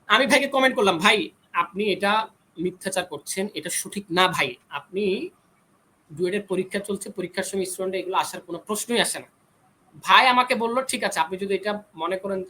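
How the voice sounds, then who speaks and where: On a heated debate panel, a young male engineering student argues his case insistently, pushing back when others try to interrupt. His voice sits high with a sharp tone, and the poor recording has a little hiss or hum.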